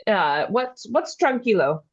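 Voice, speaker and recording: A woman in a casual chat who asks about Spanish words, sounds them out slowly and laughs easily. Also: a little high, very animated, slightly rough, lo-fi sound. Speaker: co-host learning Spanish.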